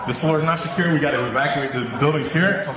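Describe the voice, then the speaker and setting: A man's voice: fairly high pitch, fast. A male police officer giving clipped, commanding orders at a scene inside a building. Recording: echoey body camera audio with crowd noise behind.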